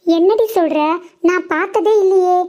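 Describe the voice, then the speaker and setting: A woman's voice: very high voice, normal speed, warm tone, muffled recording. A woman voicing a frightened little cartoon schoolgirl. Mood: curious. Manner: pleading, jittery.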